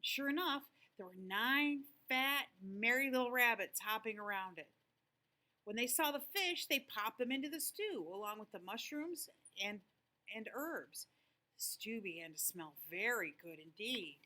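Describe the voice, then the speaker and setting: Sweet older woman, very animated storybook reader. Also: on the high side, measured pace. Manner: sweet old lady, expressive storytelling. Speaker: grandmother reading a storybook. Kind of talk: animated children's storybook reading.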